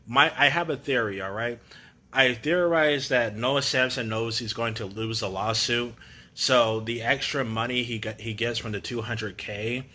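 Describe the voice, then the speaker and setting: A man's voice: mid-range voice, bright, forceful tone. A man giving a casual, opinionated rant to camera, sarcastic and full of "you know" fillers. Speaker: YouTube commentator.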